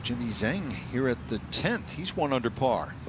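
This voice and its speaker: A man giving live golf commentary as a broadcast host, with polished, measured announcing. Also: medium pitch, animated, background noise.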